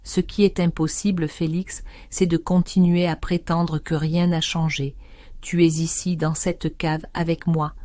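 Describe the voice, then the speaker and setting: A woman voicing a 65-year-old aunt who speaks calmly and steadily, with quiet resignation. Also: sits low, no room sound. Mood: calm intimate. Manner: calm, measured, intimate.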